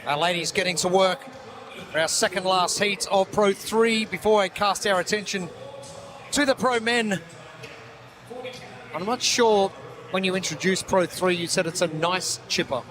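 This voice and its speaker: A man's voice: high voice, normal speed, long pauses, crowd noise. A man giving live broadcast commentary on a fitness competition. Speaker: sports commentator.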